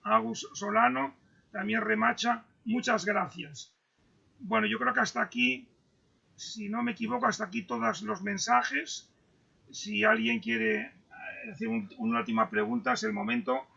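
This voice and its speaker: Reading out audience messages as moderator of an online Q&A, this man has a high, steady, bright and forceful voice, slightly rough with vocal fry. He stumbles over and repeats words haltingly, and the video call audio sounds dull and lo-fi.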